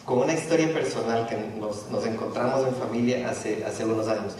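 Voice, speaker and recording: A man's voice: mid-range voice, brisk, darkish tone, slight background noise. A middle-aged man from Ecuador giving a public lecture in a university auditorium, speaking hesitantly with frequent restarts and fillers. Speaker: speaker presenting a talk. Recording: echoey hall, distant from the mic.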